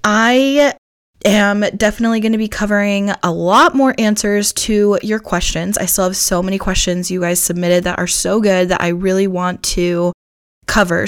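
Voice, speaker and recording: A woman hosting her own podcast, slightly hoarse from losing her voice, explaining things in a chatty way with frequent "like" fillers. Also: lowish voice, dry recording, clean studio sound. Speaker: podcast host. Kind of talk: casual solo podcast talk.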